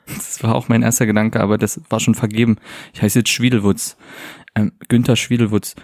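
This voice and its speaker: A man co-hosting a podcast, acting out a frantic phone-call sketch in hushed, panicked whispers and curses. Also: lowish voice, little pitch movement, fairly quick, dry recording. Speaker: podcast co-host.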